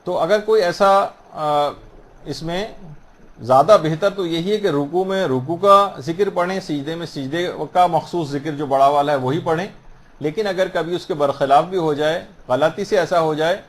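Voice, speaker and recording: A man teaching the rules of prayer in a patient, explanatory way, repeating phrases and slowing down to model the correct pronunciation. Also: a little high. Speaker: religious teacher. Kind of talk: instructional talk on prayer rules.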